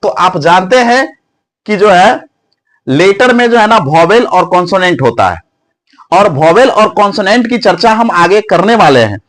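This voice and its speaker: A man's voice: high-pitched, expressive, normal speed, a bit bright. A man teaching English letter sounds in a spoken lesson, asking questions and answering them himself, with frequent fillers.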